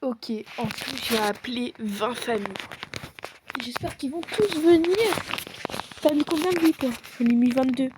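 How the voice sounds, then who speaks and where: A woman's voice: sits high, measured pace. A woman casually narrating a role-play as she plays a game, chatty and talking through each step aloud. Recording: noisy home background.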